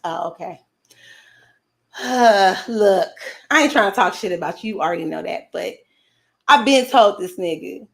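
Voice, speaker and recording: A woman's voice: medium pitch, expressive, a little slow, creaky, long pauses. A woman hosting a livestream, talking casually and confrontationally, brash and profane as she answers comments from her chat. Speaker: livestream host.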